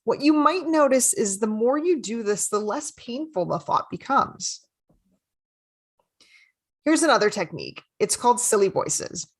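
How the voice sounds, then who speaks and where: A young adult woman, a therapist hosting a podcast, talking casually and with self-deprecating humor, then guiding a slow, gentle meditation. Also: on the high side, lively intonation, breathy edge. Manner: friendly and self-deprecating, laughs lightly.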